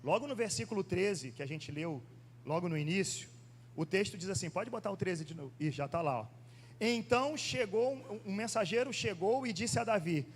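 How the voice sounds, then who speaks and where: A pastor with a Rio de Janeiro accent preaches a Sunday sermon, his voice sitting high for a man. He reads Bible passages slowly and deliberately, then turns to the congregation with direct questions. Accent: Brazilian Portuguese, Rio de Janeiro. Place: church sanctuary.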